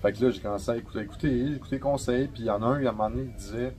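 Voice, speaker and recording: A young adult man with a Québécois French accent, a podcast guest telling stories in a slangy, profane, animated way. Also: medium pitch, rapid-fire, a little hiss or hum, low-quality recording. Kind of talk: casual storytelling chat.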